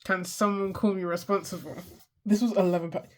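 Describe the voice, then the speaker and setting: In a fairly quick, mid-range voice with fairly even intonation, an art vlogger in their twenties sounds congested while rambling through their sketchbook. They swear freely, tease themselves, and forget where they were mid-sentence.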